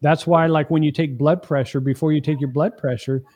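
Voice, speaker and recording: A man's voice: a little high, steady tone, fairly quick, a little mellow. A middle-aged man, a marriage coach guesting on a podcast interview, explaining things step by step in an earnest, emphatic way. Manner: emphatic, often asks the listener "okay?".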